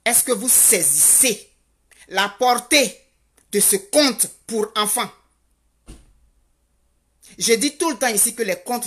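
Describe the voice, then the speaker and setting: A commentator in Canada whose first language is Godié launches into an impassioned social commentary monologue. Her slow, husky, rather high and fairly bright voice builds to fervent, leaning on rhetorical questions and insistent repetition.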